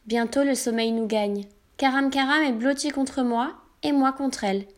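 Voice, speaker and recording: A woman reading a children's storybook in the first person, animated and acting out every emotion. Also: high-pitched, moderate pace. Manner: animated, acts out emotions as a girl.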